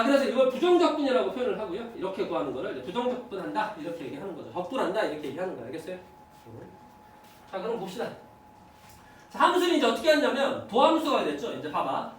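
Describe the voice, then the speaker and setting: A man's voice: high voice, very echoey, far from the mic, a little hiss or hum, rough recording. A man teaching math to a class, often stopping to ask whether the students follow. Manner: lively, checks understanding with students. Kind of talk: classroom lecture.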